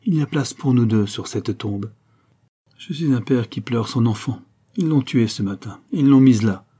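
A man voicing a dignified, grieving aristocratic father who speaks gravely. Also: medium pitch, normal speed, warm tone, close to an everyday voice. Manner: grave, sorrowful.

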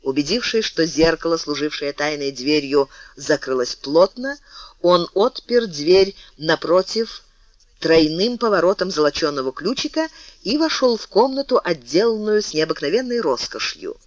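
A man narrating a classic novel as an audiobook, in a measured, expressive way. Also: a little high, no echo. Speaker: audiobook reader. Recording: dull lo-fi dry recording.

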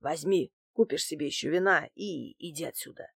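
A woman's voice: mid-range voice, normal speed, a little mellow, no echo, natural voice. Woman playing a small grey-haired crook, male, laid-back, coaxing, street slang, dry close recording. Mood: easygoing. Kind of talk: audiobook character voice.

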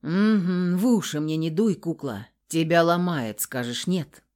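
A woman voicing a rough, domineering man in his thirties who swears and sneers with contempt. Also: fairly low pitch, measured pace, a little mellow, close to an everyday voice. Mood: scornful.

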